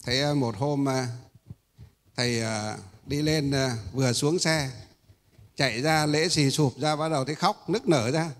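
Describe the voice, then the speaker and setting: A male Buddhist monk giving a sermon. He pauses often on drawn-out "uh" sounds and asks rhetorical questions that he then answers himself. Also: mid-range voice. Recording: echoey hall.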